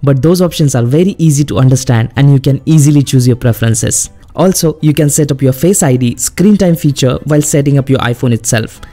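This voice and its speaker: A man hosting a step-by-step phone tutorial as a voice-over, giving plain, brisk instructions. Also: medium pitch, warm tone. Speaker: tech tutorial host.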